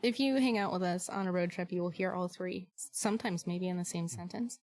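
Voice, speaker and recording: A woman's voice: lowish voice, brisk, a little mellow, no room sound. A woman co-hosting a podcast, chatty and given to laughing. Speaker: podcast co-host. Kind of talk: casual chat.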